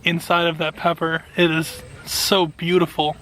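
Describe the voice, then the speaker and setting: Enthusiastic man with a bright voice. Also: on the high side, flat delivery, measured pace, a little hiss or hum, poor audio. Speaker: vlogger, home gardener. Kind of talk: casual hands-on vlog commentary.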